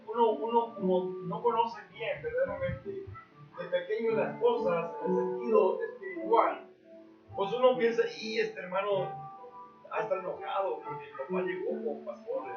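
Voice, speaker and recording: A man, a pastor praying and telling a story to his church, earnest and often repeating words. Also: high-pitched. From Mexico. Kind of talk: church prayer and sermon story. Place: church sanctuary. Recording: echoey church, far from mic, dull.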